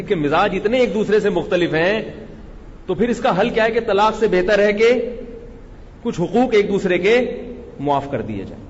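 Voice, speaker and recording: A man giving a conversational sermon, animated and often acting out quarrelling people. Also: sits high. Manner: conversational, animated, acts out quarrels and shouting speakers. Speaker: Islamic scholar giving a lecture. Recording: muffled lecture recording with long hall echo.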